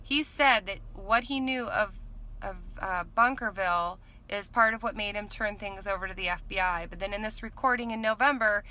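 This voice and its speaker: A woman in her thirties giving an informal recap from notes, earnest and opinionated, with halting moments as she checks them. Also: mid-range voice, bright, forceful tone, low-quality recording. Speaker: vlogger recapping a court trial. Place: inside a parked car at night. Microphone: phone or camera at arm's length.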